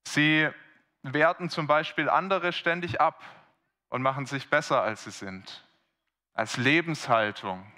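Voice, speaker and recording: A man's voice: fairly high pitch, measured pace, sharp tone. A man preaching a sermon, explaining a Bible passage earnestly and asking the congregation rhetorical questions.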